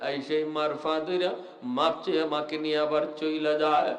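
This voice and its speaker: Chanting Bangladeshi preacher, echoing. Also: male voice, fairly high pitch, flat delivery, normal speed. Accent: Bangladeshi Bengali. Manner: chanting, melodic, swings into loud sung verses. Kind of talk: sung and shouted sermon. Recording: echoey loudspeaker sound at an outdoor gathering.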